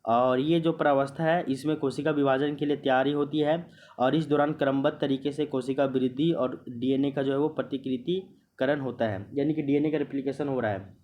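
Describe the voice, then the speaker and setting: A man's voice: mid-range voice, fairly even intonation, normal speed. A man teaching an exam-prep lecture, explaining step by step, repeating himself and checking that students understand. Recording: muffled lo-fi recording.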